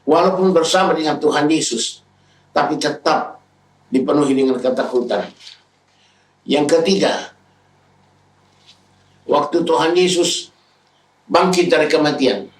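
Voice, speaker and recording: A man's voice: on the high side, far from the mic. A male pastor delivering a sermon, retelling scenes in raised voices. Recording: echoey hall, speaker away from the mic.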